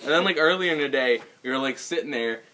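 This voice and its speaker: A man's voice: mid-range voice, quick pace, bright, forceful tone. A teenage boy co-hosting a podcast, chatting and mimicking people as he tells stories. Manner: chatty storyteller, mimics others' voices. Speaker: podcast co-host. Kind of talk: casual chat.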